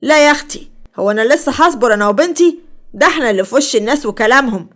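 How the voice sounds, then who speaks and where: A woman's voice: sits high, animated, very fast. A woman with an Egyptian Arabic accent voicing a greedy, two-faced middle-aged aunt who nags. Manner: nagging, fake-sweet.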